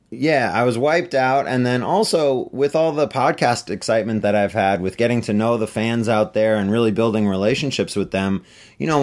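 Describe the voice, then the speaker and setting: Middle-aged male author, relaxed chatty interview answers, average pitch. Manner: relaxed, chatty, many fillers. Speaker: author on book tour.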